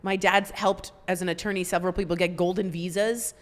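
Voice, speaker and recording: A woman's voice: fairly low pitch, steady tone, brisk, in a large hall. A woman co-hosting a podcast, chatting casually and with animation. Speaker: podcast co-host. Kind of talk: casual chat.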